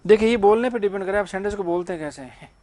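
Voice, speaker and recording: A man's voice: sits high, rapid-fire, a little mellow. A man teaching English grammar to a class. He keeps asking the students questions and then answers them himself.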